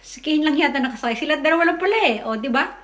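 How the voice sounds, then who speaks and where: A woman's voice: high voice, animated, very fast, a bit bright, reverberant. Chatty woman narrating a family vlog. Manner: chatty, tags lines with "o, di ba?"; stumbles over words and admits it. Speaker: family vlogger and mother. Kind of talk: casual voice-over narration of home video.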